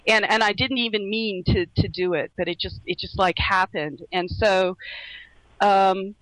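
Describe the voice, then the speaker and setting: A woman's voice: mid-range voice, steady tone, fairly bright tone, dry recording, rough recording. Reflective middle-aged woman, dry sound. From grew up in Laos. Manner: reflective, halting with restarts. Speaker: guest. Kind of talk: earnest conversation.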